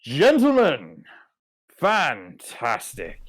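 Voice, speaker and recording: A man, as game master, voicing a confident knight captain who calls out in a booming, raised voice. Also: wildly swooping pitch, drawn-out words, exaggerated voice. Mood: triumphant. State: booming, raised voice calling across a hall.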